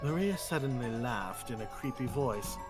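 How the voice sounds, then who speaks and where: A man's voice: mid-range voice, lively intonation, moderate pace, over music. A man reading a visual novel with others on a stream, chatting casually between lines. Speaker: co-reader on a stream.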